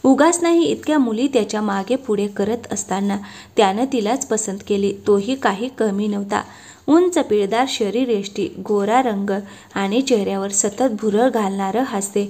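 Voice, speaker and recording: A woman narrating a romantic story in a soft, steady storytelling manner. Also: mid-range voice, normal speed.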